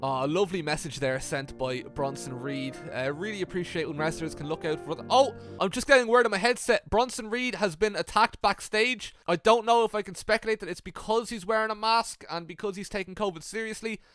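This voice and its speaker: A man calls a parody wrestling show in a hyped, stammering manner with deadpan jokes. His voice sits fairly high for a man. Faint music plays behind him. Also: brisk, few pauses. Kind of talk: mock wrestling commentary.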